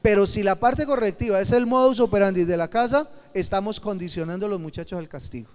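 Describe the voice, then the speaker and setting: A man's voice: high-pitched, quick pace, darkish tone, smooth. A man, a pastor, teaching at a church conference in an emphatic way, repeating key phrases and speaking straight to his listeners. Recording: echoey hall reverb.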